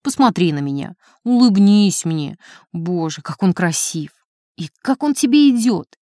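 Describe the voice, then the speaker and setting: Woman voicing a coaxing husband begging his wife to calm down, dry close mic. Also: lowish voice, unhurried, dry recording. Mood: pleading. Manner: coaxing, pleading. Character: fawning, pleading husband, a gentleman. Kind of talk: audiobook character reading.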